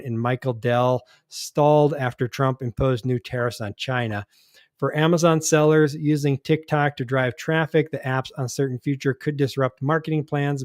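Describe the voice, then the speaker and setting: With a medium-pitched, slightly mellow voice and studio-quality sound free of echo, a podcast host chats casually on a live stream. He reads news items out loud, hesitating and restarting often along the way.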